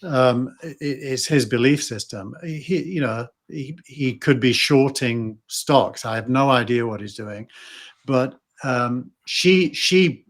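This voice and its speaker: A man's voice: medium pitch, takes it slowly. Hesitant man in casual debate. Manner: hesitant, many fillers and restarts. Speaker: podcast co-host.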